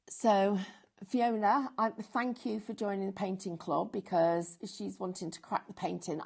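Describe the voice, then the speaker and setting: A woman hosts a live craft shopping broadcast with chatty, enthusiastic sales patter. Her voice has a strong gravelly fry and a husky edge. She jokes easily with her co-presenter as she pitches to the audience. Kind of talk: live shopping-show chat.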